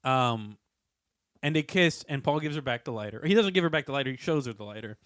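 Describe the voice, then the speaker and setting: A man's voice: medium pitch, animated, a little fast, fairly bright tone, no room sound, studio quality. A man co-hosting a podcast, recapping a horror film in crude, jokey casual chat. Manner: crude, jokey, recounts the plot. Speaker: podcast co-host.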